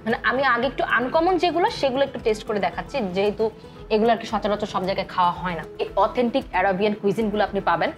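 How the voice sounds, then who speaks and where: Speaking rapid-fire at a medium pitch, a woman with a Bangladeshi Bengali accent reviews food to camera in a restaurant while soft music plays. She's a chatty food vlogger who blends English words into her talk.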